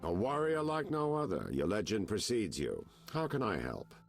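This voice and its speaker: Game's noir private eye: weary, sly, gravelly, with hugely dramatic pitch swings. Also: male voice, wildly swooping pitch, moderate pace, soft background music. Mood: sly, suave. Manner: noir detective delivery, theatrical and insinuating. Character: world-weary male private detective with noir flair. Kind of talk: video game dialogue acting.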